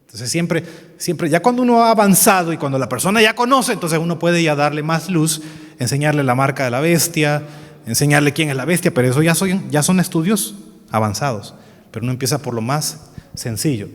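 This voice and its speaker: A man's voice: a little high, lively intonation, a little fast. A man with a Salvadoran Spanish accent, teaching a Bible study seminar, earnest and repeating key phrases while quizzing the class. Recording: hall with long reverb.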